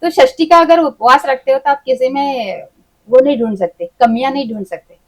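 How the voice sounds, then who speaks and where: A woman with a notably high voice sits as the astrologer guest on a podcast. She talks plainly and frankly, and she slips into her clients' voices as she quotes them. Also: moderate pace, low-quality recording. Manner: speaks frankly, acting out clients' words. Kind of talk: casual podcast conversation. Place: podcast studio.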